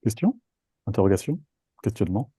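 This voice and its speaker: A man leading a live meditation talk in a playful, lively way, acting out inner voices. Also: on the low side, fairly quick, breathy edge. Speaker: meditation teacher.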